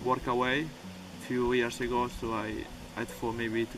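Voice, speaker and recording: Flat-voiced hesitant young man. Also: medium pitch, unhurried, noisy background. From Peru. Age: young adult. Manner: hesitant, broken phrasing. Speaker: volunteer. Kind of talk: interview answers. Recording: distant mic with loud music.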